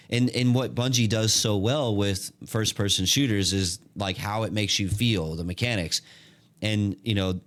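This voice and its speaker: A man giving casual, excited gameplay commentary, full of slang, fillers and restarts. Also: on the low side. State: hiccuping. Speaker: gaming content creator.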